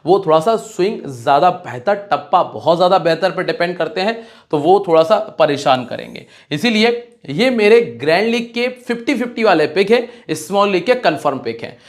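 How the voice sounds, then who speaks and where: A man with a fairly high voice talks straight to his viewers in a loose, chatty way. He runs through scores and player stats one after another, mixing in his own opinions. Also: expressive, normal speed. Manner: chatty, direct address to viewers, rattling off stats. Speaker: fantasy cricket predictor. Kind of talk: casual cricket prediction talk.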